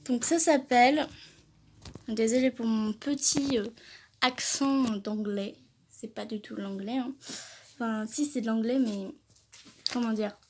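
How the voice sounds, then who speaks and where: A woman's voice: a little high, measured pace, long pauses, darkish tone, slight background noise. A woman vlogging casually about her books, rambling and hesitant with many fillers, talking with effort through a sore throat.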